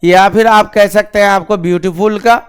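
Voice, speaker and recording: Man, grammar teacher, classroom lesson, high voice, smooth and resonant, asks questions and repeats key terms. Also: steady tone. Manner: drills slowly on key terms.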